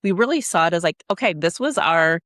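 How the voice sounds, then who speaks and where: A woman's voice: on the low side, lively intonation, brisk, a bit bright, no echo, clean studio sound. A woman guest on a podcast talking candidly about her coaching work, blunt and emphatic and swearing freely. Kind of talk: candid conversational interview. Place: in Canada.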